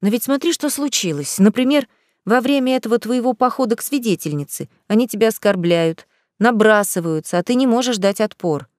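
Gruff male boss figure, read by a woman, grumbling and blunt, dry close sound. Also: fairly high pitch, lively intonation, fairly quick, a little mellow, no room sound, lightly acted. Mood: stern. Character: gruff middle-aged male police boss.

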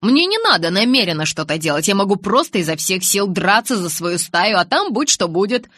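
A woman's voice: mid-range voice, sing-song, a little fast, dry recording. A woman reading a brash teasing young man. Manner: loud, teasing, defiant.

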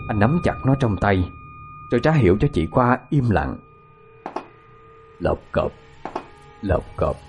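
A man narrates a ghost story with suspense. His mid-range voice rises and falls lively through each line. Soft music plays quietly underneath. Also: medium pitch. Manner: dramatic, suspenseful.

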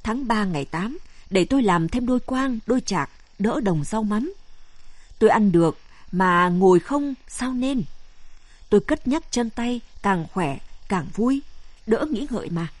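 A kind old village grandmother speaks gently but won't be talked out of her work, as a woman narrator voices her. The voice rises and falls expressively. It sounds close and dry, with no room echo. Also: mid-range voice, lively intonation, unhurried. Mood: gentle.

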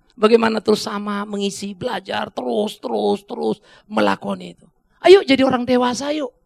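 A man's voice: high voice, gravelly, no room sound, studio quality. A man preaching a sermon as pastor, in a conversational way with joking asides and sudden emphatic bursts.

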